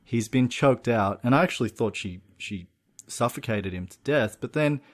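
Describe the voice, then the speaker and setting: In a relaxed film discussion, a man co-hosting a podcast lays out a movie's plot in detail, sprinkling in "you know" and "look." He sounds animated, with a mid-range pitch and ordinary speed.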